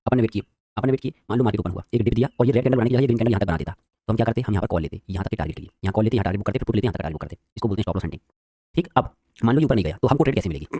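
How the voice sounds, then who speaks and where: Rapid-fire man teaching trading. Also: on the low side, expressive, dark tone, no echo, studio quality. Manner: rapid, quizzing the viewers. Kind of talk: live-streamed trading lesson.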